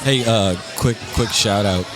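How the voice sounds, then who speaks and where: A man's voice: fairly low pitch, a little slow. A man from New Orleans, a band member, chatting casually and cussing easily in an interview at a bar. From New Orleans, USA. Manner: relaxed, cussing, laughs easily. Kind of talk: casual chat. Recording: live music and bar noise.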